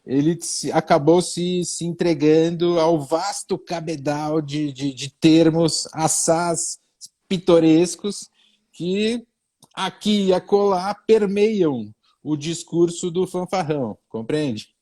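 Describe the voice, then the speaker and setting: Speaking slowly in a voice on the high side with a dark tone, a middle-aged Brazilian man guests as a comedian on a live stream. His talk is hesitant and repetitive, laced with wry self-deprecating jokes and pompous, old-fashioned wording, and carries a Brazilian Portuguese accent.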